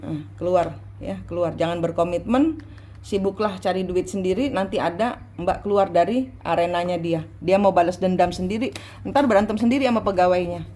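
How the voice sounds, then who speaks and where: A woman giving a private tarot reading, coaching her client slowly and repeating her instructions. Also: on the low side, warm tone. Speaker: tarot reader.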